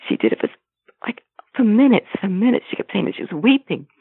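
A woman's voice: mid-range voice, big pitch swings, breathy edge, no echo. A woman working as a pro-life sidewalk counselor, recounting her experiences earnestly and often restarting her sentences. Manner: earnest, with frequent halting restarts. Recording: tinny phone-like line, dry.

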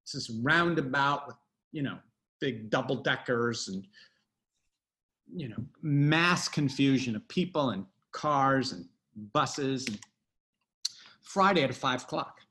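A man's voice: medium pitch, slow, pauses often, bright, forceful tone. A middle-aged man telling a personal anecdote in a casual interview, rambling with fillers and restarts. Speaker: guest storyteller.

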